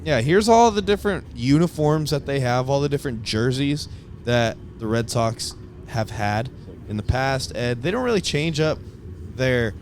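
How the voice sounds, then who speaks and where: A man's voice: mid-range voice, expressive, moderate pace, a little hiss or hum. A young man narrating his stadium tour video in a casual, enthusiastic, rambling way with lots of fillers. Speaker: vlogger giving a stadium tour.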